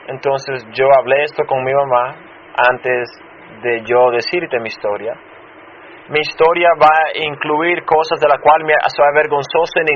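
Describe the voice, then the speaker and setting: A man who grew up in Chicago and serves as a pastor, giving a personal testimony in a sermon, halting and restarting often. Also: medium pitch. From Chicago, United States. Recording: dull muffled sound with faint noise.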